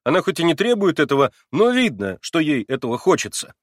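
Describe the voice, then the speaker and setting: A man doing plaintive excitable young Alyosha. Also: fairly high pitch, dry recording, clean studio sound, pitched above the performer's own voice. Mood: pleading, agitated. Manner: plaintive, rushed, raised voice. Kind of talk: audiobook character reading.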